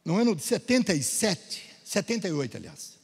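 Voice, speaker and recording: A man from Brazil giving a testimony sermon in a church, his husky, fairly high voice swinging up and down as he acts out each exchange. The long hall reverb of the sanctuary trails behind his words. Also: a little fast. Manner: storytelling, lively, acts out dialogue. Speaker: Gideon speaker at church.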